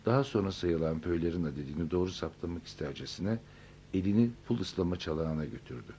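A man narrating a story in a steady, measured reading voice. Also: low voice, highs cut off, a little hiss or hum. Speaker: audiobook narrator.

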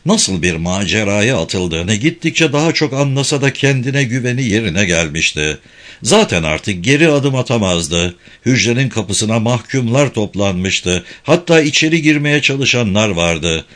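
A man's voice: on the low side, measured pace. A man narrating a prison thriller audiobook in a dramatic, scripted reading. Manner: dramatic, expressive.

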